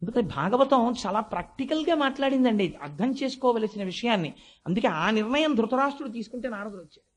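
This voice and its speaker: An older man with a Telugu accent giving a devotional discourse, telling stories and acting out the people he quotes, swinging between soft and loud. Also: very high-pitched, expressive, fast talker. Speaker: spiritual discourse speaker.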